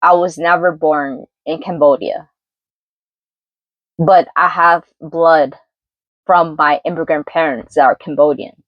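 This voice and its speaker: A young woman from New York talking candidly into her vlog, earnest and reflective, pausing and correcting herself. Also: low voice, steady tone, no room sound, highs cut off. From New York City, Brooklyn. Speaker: vlogger. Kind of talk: candid personal vlog monologue.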